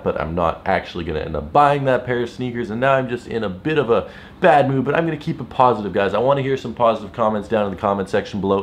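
A tired young man vlogging casually, ranting in a frustrated, animated way to his viewers. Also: on the low side, slight background noise. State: tired, worn out. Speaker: sneaker vlogger. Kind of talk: casual vlog talk to camera. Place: store, then hotel room.

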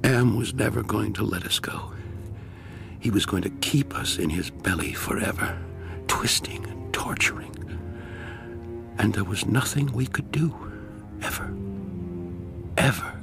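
Paranoid tormented survivor, radio play, creaky, wildly swinging pitch, bitter and volatile. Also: male voice, expressive, unhurried, long pauses, over music, full character voice. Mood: bleak narration. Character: Ted, paranoid, tormented male survivor who narrates. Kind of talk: radio drama acting.

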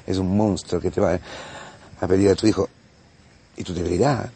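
A man, a priest giving a homily on the day's Gospel, impassioned and repetitive, halting often to restart his phrases. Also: sits low, fairly even intonation, warm tone, husky. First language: Italian.

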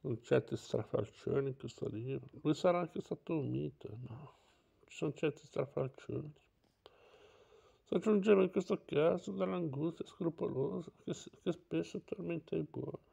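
A man reading a classic novel aloud, pausing for small slips and self-corrections. His voice is gravelly and husky, with a dark, mellow tone that sits a little high. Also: low-quality recording.

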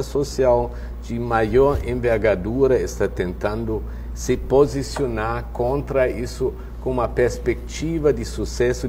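A man's voice: mid-range voice, dark tone, slight background noise. A man in his sixties from Germany, a native German speaker with a German accent, making blunt, emphatic points as a professor on a panel. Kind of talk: opinionated panel discussion. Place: TV studio panel desk. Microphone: lapel.

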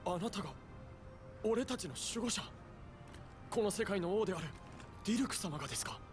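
High, animated young warrior hero. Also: male voice, brisk. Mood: astonished, hopeful. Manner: emotional, earnest. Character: earnest young male warrior hero, self-blaming, determined. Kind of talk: video game voice acting. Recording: music playing behind the voice.

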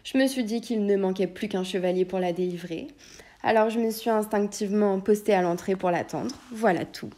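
A woman voicing a brash, possessive female dragon who speaks in a brisk, haughty way, in a storybook reading. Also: medium pitch, warm tone, lightly acted.

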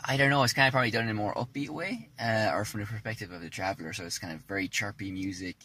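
A man's voice: lowish voice, rapid-fire, pushed and bright, slightly rough. A man co-hosting a podcast in casual, jokey chat, rambling with many fillers and restarts. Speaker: podcast co-host.

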